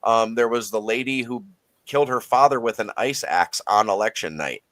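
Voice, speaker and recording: A man's voice: fairly low pitch, moderate pace, a bit bright, no echo. A man co-hosting a heated political talk show, rambling and swearing, repeating words as he goes. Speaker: co-host. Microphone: call line cutting in and out.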